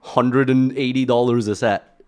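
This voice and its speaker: A man's voice: medium pitch, fairly even intonation, a little slow, a little mellow. A man giving casual reaction commentary on a video, blunt and ranting, with sarcastic asides.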